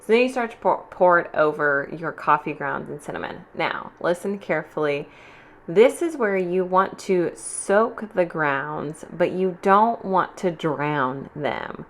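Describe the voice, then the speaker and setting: Sitting at a desk in her bedroom, a young vlogger rambles playfully through a coffee tutorial, making self-deprecating jokes along the way. Her voice is on the low side and expressive, with a measured pace.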